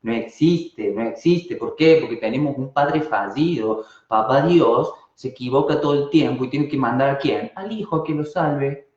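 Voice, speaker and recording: An Argentine man teaching a live online class, full of rhetorical questions that he answers himself. His voice sits at a medium pitch and comes through a slightly dull, roomy video-call recording. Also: normal speed, few pauses. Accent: Argentine Spanish. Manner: animated, asks rhetorical questions and answers them.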